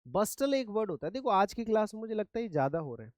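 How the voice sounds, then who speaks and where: A man's voice: high voice, very animated, racing, darkish tone, dry recording. A man from India teaching English vocabulary in Hindi, who repeats each word and gives memory tricks. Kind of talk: vocabulary lesson.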